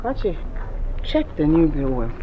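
A woman's voice: low voice, sing-song, measured pace, lo-fi sound, very noisy. An actress with a Ghanaian accent playing a bossy, fed-up landlady who lectures her tenant in a TV drama. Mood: scolding. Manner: nagging, lecturing. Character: scolding middle-aged landlady, fed up and bossy. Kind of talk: TV drama acting.

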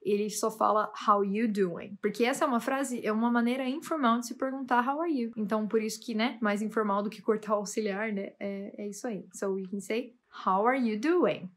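Woman, English teacher, enthusiastic, fairly high voice. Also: brisk, hardly any pauses. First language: Portuguese. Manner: lively, enthusiastic, switches between languages. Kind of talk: bilingual English lesson.

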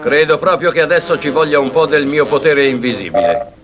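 An actor voicing a confident masked space superhero in a dubbed cartoon, speaking steadily with dry wit. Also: male voice, fairly high pitch, a little fast, lightly acted. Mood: heroic. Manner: steady, heroic, dryly witty. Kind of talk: 1960s cartoon dubbing. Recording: dubbed cartoon soundtrack with music.

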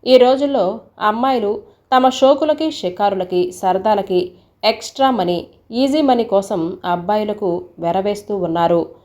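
A woman's voice: mid-range voice, darkish tone. A woman reading a courtroom short story aloud, speaking the characters' lines in her own voice. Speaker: story narrator.

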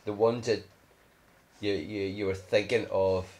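A man's voice: lowish voice, steady tone, unhurried. A man chatting casually and playfully while co-hosting a mobile game video with his child. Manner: chatty and playful, cheering loudly. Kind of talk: casual chat.

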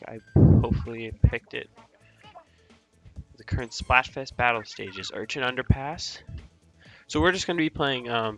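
A man hosting a gaming channel, talking through gameplay in casual, rambling commentary with many hesitations and fillers. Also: medium pitch.

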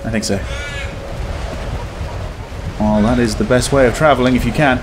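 A man's voice: mid-range voice, steady tone, normal speed, noisy background. A man giving casual, wry and bemused gameplay commentary. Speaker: game streamer.

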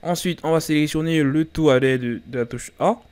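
A man's voice: on the high side, moderate pace, darkish tone, clear, resonant tone. A man hosting a beginner 3D modelling tutorial, talking casually with fillers and self-deprecating jokes over a screen recording. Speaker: Blender tutorial host.

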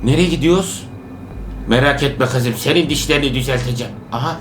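A man giving excited let's-play commentary on a horror game, joking as a worried father and repeating words in bursts. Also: mid-range voice, a little fast, reverberant, heavy background noise. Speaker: gamer playing a horror obstacle game.

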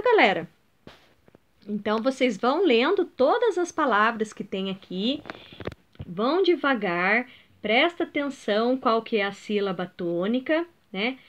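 A woman's voice: fairly high pitch, highs cut off. A Brazilian Portuguese-speaking woman teacher giving a video lesson to schoolchildren, patiently sounding out words and checking that her pupils follow along. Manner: explains step by step, checks in with "ok?" and "entenderam?".

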